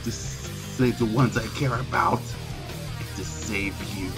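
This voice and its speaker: A man's voice: mid-range voice, measured pace, over music, voice pushed down, natural voice. Man as Shadow the Hedgehog, dramatic and defiant. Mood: resolute. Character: defiant brooding cartoon hedgehog antihero, dramatic. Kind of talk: improvised parody fandub.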